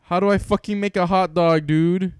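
A young man playing a co-op cooking game, excitable and swearing, often bursting into panicked shouts and laughter. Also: high voice, moderate pace, smooth, no echo, clean studio sound. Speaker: gamer playing co-op. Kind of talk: casual gameplay chat.

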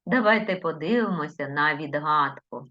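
A woman's voice: sits low, expressive, normal speed, sharp tone, dull audio. A woman teacher with a Ukrainian accent, giving a recorded lesson to young children, stretching words and coaxing answers with questions. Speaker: primary school teacher.

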